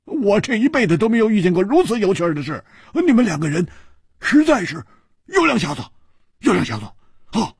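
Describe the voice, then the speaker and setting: A man playing a brash young swordsman in a storytelling broadcast: high, swooping and loud, tripping over his words and bursting into laughter. The voice is husky and dry, with a very lively pitch. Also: moderate pace, dry recording, full character voice. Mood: boisterous. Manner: stammering, guffawing, shouting. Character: boisterous stammering young swordsman, loud, easily startled.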